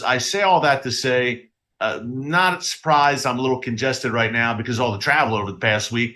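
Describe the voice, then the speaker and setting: A man with a mid-range, sharp-toned voice hosts a live-streamed news commentary show from a studio. Sounding a little congested and sniffling, he speaks directly to his viewers with emphasis.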